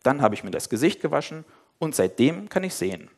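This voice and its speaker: Man reading healed blind man, plain-spoken, even, simple, Bible reading. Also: a little high, brisk, gravelly, full character voice. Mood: plain retelling. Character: formerly blind man, plainly telling his story.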